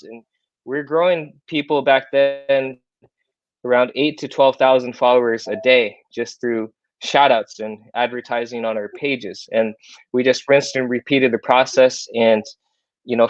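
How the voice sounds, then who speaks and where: A mid-range male voice belongs to a young guest presenter, born in South Korea and raised in Iowa, USA, giving a chatty, upbeat webinar with lots of fillers. The recording is dry, with the highs cut off.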